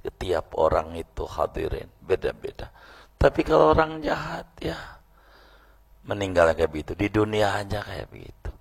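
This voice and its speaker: Gravelly-voiced man preaching with a lilt. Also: low voice, lively intonation, normal speed. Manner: folksy storytelling, acts out voices, teasing questions to audience. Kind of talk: mosque lecture after midday prayer. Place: mosque.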